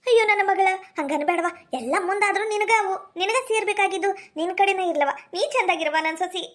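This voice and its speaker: Brief: woman doing a doting old village mother-in-law, very high and shrill, North Karnataka accent, quick, coaxing. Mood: tender. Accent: North Karnataka Kannada. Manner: coaxing, fond scolding. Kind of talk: village comedy skit.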